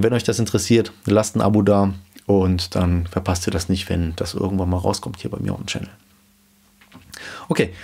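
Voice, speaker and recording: Relaxed man with a mellow, lowish voice. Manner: relaxed, many fillers, shows gear to camera. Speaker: YouTube host explaining car audio gear. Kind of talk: casual explanatory vlog. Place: small home studio room indoors. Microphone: dynamic studio mic in front of him.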